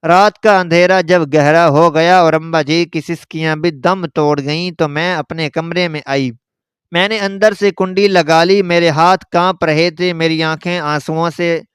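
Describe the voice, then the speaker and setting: Crisp, dry-voiced male story narrator. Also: on the high side, no echo. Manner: dramatic, tense storytelling. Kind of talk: scripted first-person story narration.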